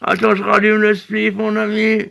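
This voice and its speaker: A man's voice: sits high, completely flat delivery, normal speed, vocal fry, fairly bright tone. A man rambling through an improvised comic monologue, full of fillers and repeats, cooing in baby talk to a pretend infant. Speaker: comedy sketch performer.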